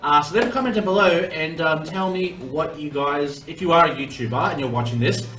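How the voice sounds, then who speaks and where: A man's voice: a little high, a little fast, fairly bright tone. A man giving casual, informal let's play commentary as a gaming YouTuber, sweary and exclamatory. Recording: roomy, distant mic under game music.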